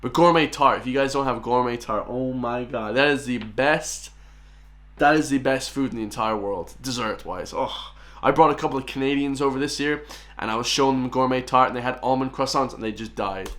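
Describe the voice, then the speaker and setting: A man with an Irish accent hosting a reaction video, chatting excitedly and addressing his viewers as guys. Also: medium pitch, a little fast. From Ireland. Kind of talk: casual reaction commentary.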